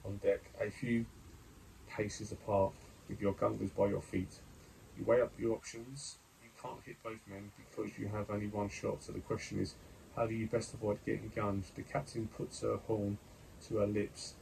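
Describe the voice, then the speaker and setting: Guy reading a gamebook out loud, dark mellow voice, little umms while he rolls dice. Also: on the low side, flat delivery, moderate pace, creaky, slight background noise, poor audio. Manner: mutters over dice rolls and choices, hesitant fillers. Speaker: gamebook player and reader.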